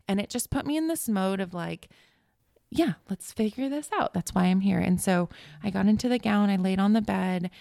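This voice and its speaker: An earnest woman recounts a personal story as a podcast guest, her voice carrying a gravelly creak. She talks with feeling and often restarts her sentences. The recording is dry, with no room echo. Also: mid-range voice, a little mellow. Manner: earnest, emotional, many restarts.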